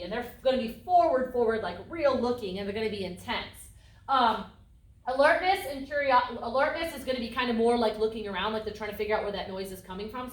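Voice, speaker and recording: A woman instructor giving a calm, explanatory lecture on horses, acting out voice tones as she goes. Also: fairly high pitch. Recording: echoey room, mic at a distance.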